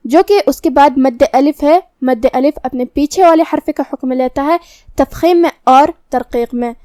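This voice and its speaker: A woman with a Pakistani Urdu accent teaching recitation rules methodically, explaining each letter's articulation and then chanting the words slowly and drawn out. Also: high voice, darkish tone, no room sound, clean studio sound. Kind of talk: tajweed lesson with slow chanted recitation.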